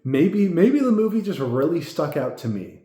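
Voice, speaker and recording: A man's voice: fairly high pitch, big pitch swings, moderate pace, dark tone. A man giving a casual movie review in tipsy, rambling drunk talk, emphatic, repeating himself and swearing. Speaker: amateur film reviewer. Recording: echoey room.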